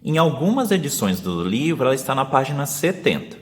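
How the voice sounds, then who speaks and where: A man with a Brazilian Portuguese accent, a teacher explaining a lesson step by step and slowly sounding out syllables for young pupils. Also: mid-range voice, very animated, big-room sound. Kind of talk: remote class video lesson.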